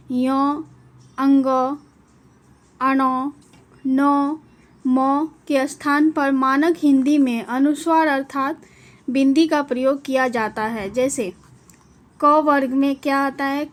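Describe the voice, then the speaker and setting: A woman giving a Hindi grammar lesson, spelling out each letter slowly and deliberately. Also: high voice. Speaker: teacher.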